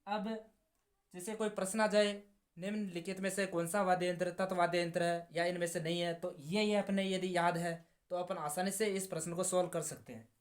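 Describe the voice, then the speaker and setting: A woman teacher, giving an exam-prep lesson and slowly drilling each word by repeating it. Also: lowish voice, fairly even intonation, roomy sound. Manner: slow, drawn-out repetition of words, drilling.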